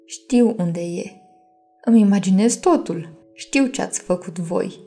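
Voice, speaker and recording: An eerie, brooding madwoman, as a woman narrator puts her on for a storybook reading. She lays out each word very slowly and heavily, hushed and dark in tone. Faint music plays underneath. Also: medium pitch, close to an everyday voice. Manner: very slow, deliberate, hushed. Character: mad old witch-like woman, eerie and brooding.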